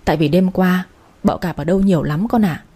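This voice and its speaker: A woman reading the part of a sleepy elderly mother-in-law, calm and drowsy, in a spoken story. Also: on the low side, brisk, slightly rough.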